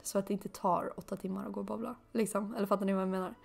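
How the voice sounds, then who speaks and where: A woman talks through her game in a casual let's play, chatty and loose. Her voice has a gravelly fry to it, and she breaks into sudden excited high bursts between soft asides. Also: faint music behind. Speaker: gaming video creator.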